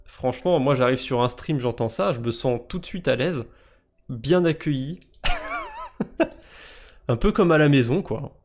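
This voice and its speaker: A man's voice: medium pitch, normal speed, darkish tone. Joking French man streaming crypto quests. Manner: joking, self-mocking, thinks aloud with fillers. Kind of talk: casual live-stream commentary.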